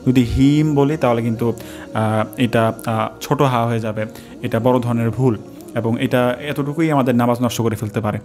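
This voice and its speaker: A man's voice: medium pitch, steady tone, darkish tone, faint music behind. Patient man teaching careful pronunciation. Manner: slow, careful, repeats sounds to demonstrate. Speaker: Quran recitation teacher. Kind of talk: step-by-step pronunciation lesson.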